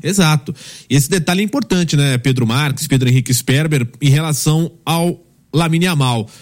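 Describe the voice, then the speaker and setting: A man hosting a football panel, measured and pausing on fillers. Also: on the high side. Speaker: host. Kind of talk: sports panel commentary.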